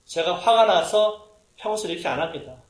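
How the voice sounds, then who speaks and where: A man preaching as pastor, telling a story with lively acted-out quotes and English phrases. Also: high-pitched, moderate pace. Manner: animated, acts out quotes, mixes in English phrases. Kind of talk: storytelling sermon. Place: church sanctuary. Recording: roomy echo of a hall.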